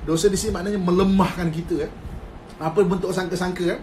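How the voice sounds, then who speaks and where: A man's voice: high voice, steady tone, fast talker, a little mellow, a little hiss or hum. A man with a Malaysian Malay accent giving an informal religious talk on a live stream. He mixes in English terms, laughs often and acts out quoted husbands and wives. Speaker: Islamic religious teacher. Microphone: phone live stream.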